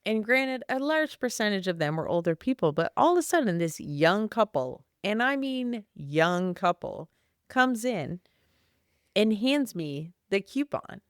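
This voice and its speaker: A woman's voice: medium pitch, sing-song, a little slow, clean tone, no room sound, clean studio sound. A woman co-hosting a casual chat, telling stories with a slight lisp from her braces. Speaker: podcast co-host.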